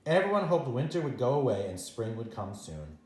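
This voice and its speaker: A man with a medium-pitched voice reads a children's story aloud at storytime, his voice carrying in a roomy space. He's a teacher, animated and expressive, building in dramatic pauses and repetition for small kids.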